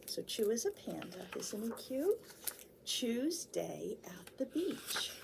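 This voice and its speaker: A woman hosting children's storytime reads a picture book aloud and chats with small children in simple, deliberate phrasing. Her voice is on the high side and very animated, yet slow-paced with a slight creak. Faint noise can be heard behind her.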